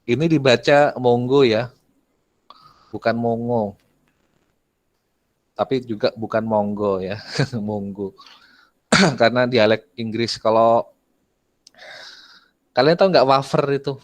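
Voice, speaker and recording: A man teaching an online class, talking casually, asking his students questions and often clearing his throat. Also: mid-range voice, measured pace, long pauses, dry recording.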